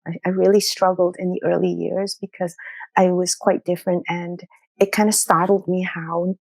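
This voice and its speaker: A woman's voice: lowish voice, flat delivery, moderate pace, gravelly, darkish tone, no echo. A middle-aged woman from Singapore, a doctor talking through her path as a podcast guest, reflective and often tagging "you know" and "right?". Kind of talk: conversational interview.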